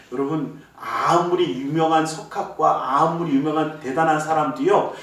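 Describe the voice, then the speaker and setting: A man preaching as pastor, earnest and growing fervent as he moves into prayer. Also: a little high. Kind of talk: sermon and prayer. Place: church sanctuary. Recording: very echoey church hall, from far off.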